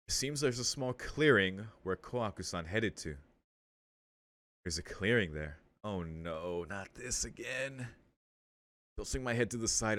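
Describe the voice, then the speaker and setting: A man's low-sitting voice with a fairly bright tone carries this let's play. He reads the visual novel's text aloud and keeps cutting in with relaxed slang and cursing.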